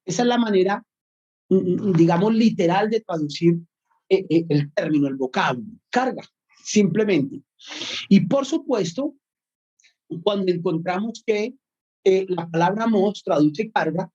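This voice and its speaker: Male professor, mellow tone, hesitant lecturing style, muffled recording. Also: sits high. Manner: thoughtful, many hesitations and fillers. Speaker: Bible course professor.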